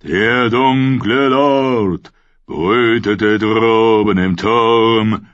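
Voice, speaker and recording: A man voicing a broad-chested minstrel with a booming voice, declaiming and half-singing slowly. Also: big pitch swings, a bit bright, husky, dry recording, highs cut off, full character voice. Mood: ominous. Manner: slow, declaiming chant-singing.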